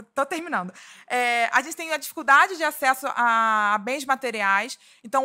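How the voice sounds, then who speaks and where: A woman's voice: high-pitched, sharp tone. A woman from Rio de Janeiro, a labor judge, giving an earnest seminar talk and often restarting her sentences. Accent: Rio de Janeiro Portuguese. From Rio de Janeiro, Brazil. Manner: earnest, with frequent restarts and fillers. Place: conference hall.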